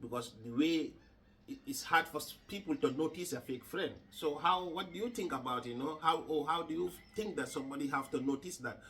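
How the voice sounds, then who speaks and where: A man from Gambia hosting a casual podcast chat, halting and repeating words with many fillers. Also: on the high side, a bit bright, far from the mic, a little hiss or hum, poor audio. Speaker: podcast host.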